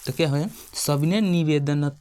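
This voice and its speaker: A man with a Bihari accent, teaching in a tired state late at night, speaking slowly and softly as he dictates a letter format and keeps checking in with "okay". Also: a little high, smooth.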